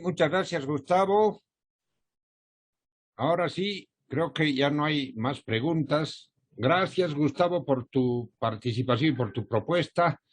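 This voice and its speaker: A man's voice: fairly high pitch, breathy edge. A man moderating an online event, giving courteous, formal closing remarks.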